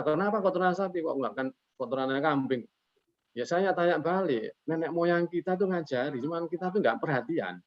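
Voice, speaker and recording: A man whose voice is on the high side appears as a webinar guest expert, explaining in a casual, folksy way over a video call. He raises rhetorical questions and answers them himself, and he politely addresses the host after almost every phrase. The audio has a lo-fi online-call quality.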